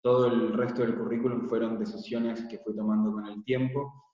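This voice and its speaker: A man's voice: fairly low pitch, normal speed. Israeli-born man on an echoey video call. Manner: calm, explanatory, with frequent "eh" fillers. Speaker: workshop facilitator. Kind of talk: online workshop presentation. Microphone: laptop mic on a video call. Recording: echoey, distant, dull video call audio.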